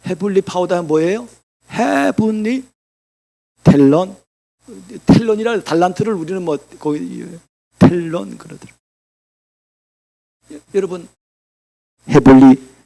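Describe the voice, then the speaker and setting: In a church, a male pastor delivers a sermon, posing rhetorical questions to the congregation and alternating between loud proclamations and hushed side remarks. His voice is slightly high and creaky.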